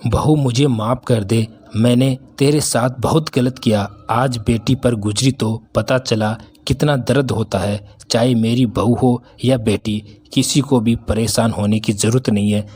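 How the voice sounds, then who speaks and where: A stern, bossy middle-aged mother-in-law, as a male storyteller puts her on in a spoken storybook. She scolds and gives orders in a husky, breathy voice at an even, moderate pitch. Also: unhurried, hardly any pauses. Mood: caring. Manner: scolding, commanding.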